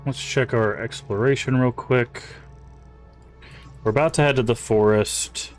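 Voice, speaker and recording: A man casually commenting on a game while streaming live, chatty and relaxed, with quiet mumbled asides. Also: mid-range voice, a little slow, soft background music.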